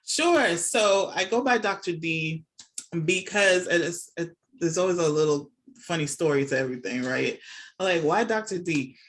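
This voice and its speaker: Speaking from home on a video call, this podcast guest gives casual, conversational interview answers in a fairly low, expressive voice at a moderate pace. She is a middle-aged nurse and academic who grew up in Jamaica, moved to the US as a child, and frequently checks in with her listener.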